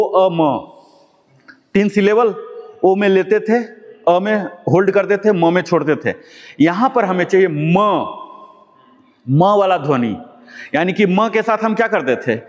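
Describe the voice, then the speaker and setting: Guy running a yoga class, kinda high voice, lots of echo, patient, repeats stuff step by step. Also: muffled recording. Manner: patient step-by-step explaining, repeats key words, mixes English terms. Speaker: yoga instructor. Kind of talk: live yoga class instruction. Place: yoga class with students present. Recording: long echoing room reverb.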